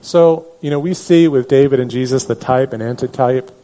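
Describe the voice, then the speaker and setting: Mellow-voiced man teaching a Bible class. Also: medium pitch, moderate pace. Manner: conversational, many "you know" fillers and restarts. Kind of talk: Bible study lecture.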